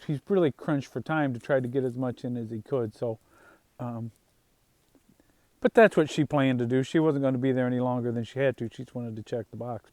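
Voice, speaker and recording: A man talking casually to his viewers about the harvest and farm life, in an unhurried, halting way with plenty of fillers and restarts. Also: mid-range voice, darkish tone, no room sound. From Northwest Indiana, USA. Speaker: farm vlogger. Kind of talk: casual rambling monologue.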